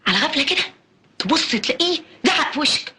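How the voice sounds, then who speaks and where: A sly woman in a classic film, coaxing and spinning scary tales in a low, hushed way. Her pitch swings widely. The old soundtrack hisses loudly behind her. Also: expressive, fast, echoey room. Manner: coaxing, mock-scary storytelling. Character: scheming older sister figure, sly and coaxing.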